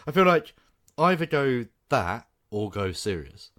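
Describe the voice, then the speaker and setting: Lively podcast host. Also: male voice, mid-range voice, unhurried. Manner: opinionated, animated, laughs often. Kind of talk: casual film discussion.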